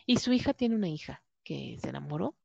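A woman with a Mexican accent chats on a podcast, spinning stories and slipping into the voices of people she quotes. Her voice sits fairly low. The recording is dull and lo-fi, with no room sound. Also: big pitch swings, a little fast, gravelly, a little mellow, no echo. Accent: Mexican Spanish. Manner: chatty storytelling that acts out quoted voices. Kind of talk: casual chat.

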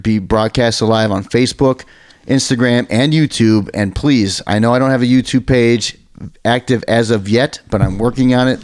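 A man's voice: on the low side, no echo, clean studio sound. An American man hosting a casual podcast, chatty and informal, with emphatic, digressive talk. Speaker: podcast host.

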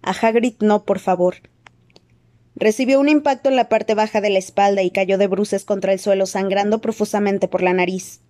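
A woman reading a novel aloud as an audiobook narrator, in steady, dramatic scripted narration. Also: mid-range voice.

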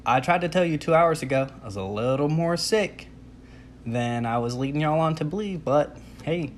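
A young man telling a comic personal story in a casual, animated, self-deprecating way, acting out his own reactions. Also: a little high, normal speed, slight background noise.

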